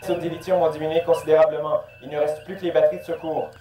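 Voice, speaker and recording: A man's voice: fairly high pitch, little pitch movement, very fast, mellow, soft background music, close to an everyday voice. An actor playing a dutiful, anxious junior starship crewman in an audio drama. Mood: dutiful, worried. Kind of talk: French audio drama acting. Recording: echoey room, faint background noise.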